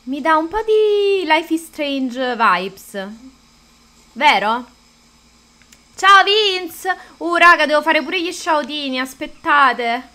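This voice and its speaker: A woman's voice: high voice, animated, takes it slowly, bright, forceful tone, a little hiss or hum. A woman chatting casually to her viewers while streaming a game, greeting them and cursing at the controls. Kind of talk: casual live-stream gameplay chat.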